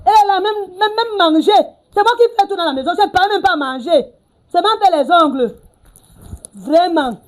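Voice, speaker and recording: A high-pitched, nagging middle-aged mother from a film drama. She scolds without a pause and keeps throwing in "hein" and "ah bon". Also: lively intonation. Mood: indignant.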